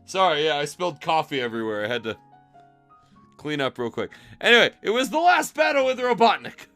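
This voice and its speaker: With music playing in the background, a man reads fan fiction aloud during a casual stream, turning it theatrical and mocking and breaking into giggles and asides. His fairly high voice is very animated, fairly quick, and fairly bright in tone.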